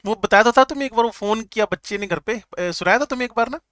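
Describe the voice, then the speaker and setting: A man teaching chemistry in a lecture, joking with students and repeating key terms slowly. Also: sits high, a bit bright, dry recording, clean studio sound. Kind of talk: classroom lecture.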